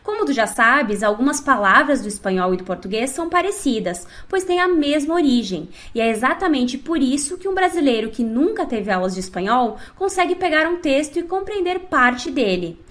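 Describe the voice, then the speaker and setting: A woman teaching a scripted online language lesson, explaining clearly and speaking directly to the learner. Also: high voice, sing-song, normal speed, hardly any pauses, a bit bright. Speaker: Spanish teacher.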